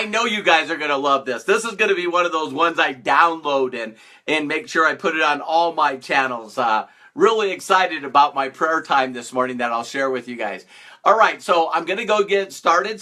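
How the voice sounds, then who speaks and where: A man's voice: on the high side, pushed and bright. Upbeat man hosting a live stream. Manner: upbeat, greets viewers by name, playful mock-sarcastic emphasis. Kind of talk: casual live-stream talk to viewers.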